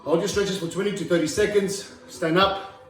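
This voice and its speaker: A man's voice: high-pitched, fairly even intonation, moderate pace, far from the mic, soft background music. A man coaching a home leg workout, demonstrating each exercise as he talks and sometimes running out of breath. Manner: instructive, demonstrating while talking. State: out of breath at times. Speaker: fitness trainer. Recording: echoey room, voice from afar.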